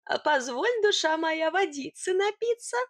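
A woman's voice: extremely high pitch, expressive, moderate pace, pitched above the performer's own voice. A woman putting on a brash, pushy village man. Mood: rude. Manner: gabbling, rude, then sugary and lovesick. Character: brash, scrawny village man, rude then cooing.

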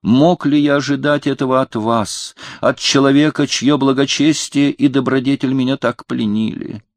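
A man's voice: medium pitch, fairly even intonation, normal speed, dry recording, voice pushed up, natural voice. Man putting on a whiny, pompous king. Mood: reproachful. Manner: tearful, pompous, scolding.

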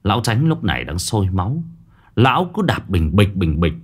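A man's voice: lowish voice, very animated, normal speed, husky. A man narrating a folk ghost story in a vivid, dramatic way, with coarse village speech.

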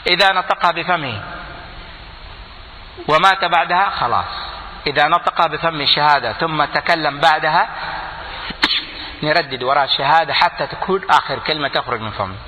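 A man preaching a sermon, impassioned, with loud exclamations and low asides, coughing now and then. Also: slight background noise. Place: large hall before a crowd. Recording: echoey hall, long reverb, faint ambience.

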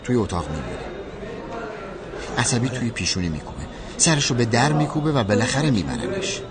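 A man's voice: mid-range voice, very animated, over a noisy crowd. A man narrating audio description for a film in a plain, matter-of-fact way.

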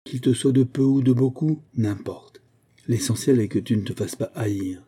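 A man's voice: medium pitch, normal speed, mellow, husky, voice pushed up, close to an everyday voice. A man voicing an irascible old Italian singing master who scolds and lectures his pupil. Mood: lecturing. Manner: exasperated, scolding.

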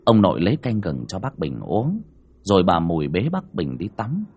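A man narrating a village ghost story in a vivid, expressive way. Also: sits low, moderate pace, vocal fry, husky. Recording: soft music behind.

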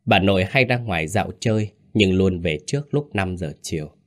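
Deep-voiced male ghost story narrator. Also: no echo, clean studio sound. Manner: calm, measured storytelling.

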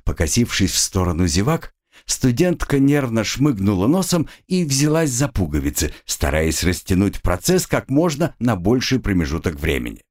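A man narrating a dark fantasy story in a dramatic reading style. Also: fairly low pitch, big pitch swings, normal speed. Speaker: audiobook narrator. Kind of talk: scripted narration.

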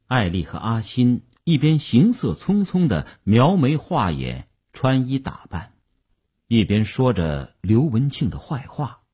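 Husky male storyteller. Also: mid-range voice. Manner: expressive, dramatic narration. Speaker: narrator. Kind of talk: storytelling reading.

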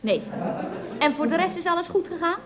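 A woman's voice: very high voice, animated, fairly quick, a loud crowd, heavy background noise. An actress playing a gushing, curious woman in a 1960s radio comedy who asks eager questions.

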